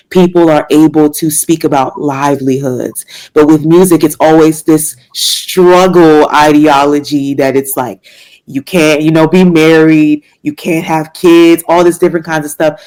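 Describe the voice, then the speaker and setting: A young adult jazz singer from Washington, D.C., in the United States, answers interview questions in a deep, slightly mellow voice on a rough recording. Her replies are earnest and faith-filled, peppered with fillers and laughter.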